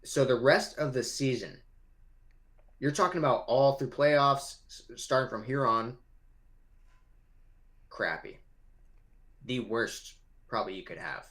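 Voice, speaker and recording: A man's voice: medium pitch, animated, unhurried, pauses often, a bit bright. A young man co-hosting a casual fantasy football show, talking loosely and animatedly with some swearing. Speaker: podcast co-host. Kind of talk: casual sports chat.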